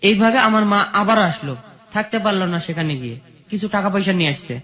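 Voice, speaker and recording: Here a man with a Bangladeshi accent talks quickly about his own life as an interview guest. His pitch sits high and his tone is fairly bright, while the recording comes across dull and lo-fi.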